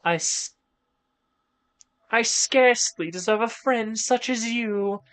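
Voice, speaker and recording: A sweet, kindly old snail granny from a video game, as a male streamer puts her on. She speaks in a raised, wavering voice, slow and drawn out, with a soft, tender manner. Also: high voice, clear, resonant tone, voice pushed up. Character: gentle old grandmotherly snail woman, kindly.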